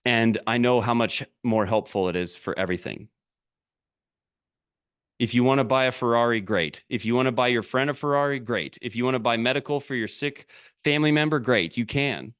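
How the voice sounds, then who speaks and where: Over a live video call, a middle-aged man coaches a group with a motivational talk. His mid-range voice is clean and a bit bright, moving fairly quickly through blunt, short, punchy sentences that he repeats.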